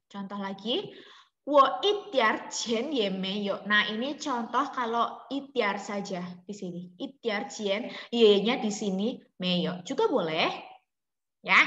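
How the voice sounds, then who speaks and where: Woman teacher on a video call, high bright voice, patient, repeats examples, roomy echo. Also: dull audio. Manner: explains slowly, repeats examples, checks understanding. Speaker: Mandarin teacher. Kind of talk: online class lesson. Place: home room on a video call. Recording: echoey room with long reverb.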